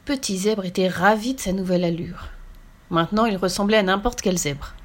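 A woman reading a children's picture book aloud as storyteller, clear and gently expressive. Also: mid-range voice, fairly quick.

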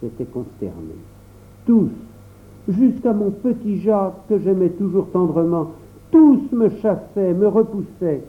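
A man narrates a storybook in the first person, voice moving lively up and down. It sits a little high for a man. The sound is narrow and tinny, as over a phone line. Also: a little slow. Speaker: audiobook reader.

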